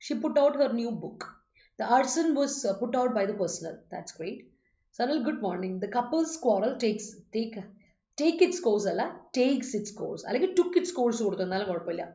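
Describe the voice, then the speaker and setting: A woman's voice: fairly high pitch, sing-song, slow, mellow, roomy sound, dull audio. A woman with a Malayali accent teaching English in a live online class. She mixes English with Malayalam and corrects students by name.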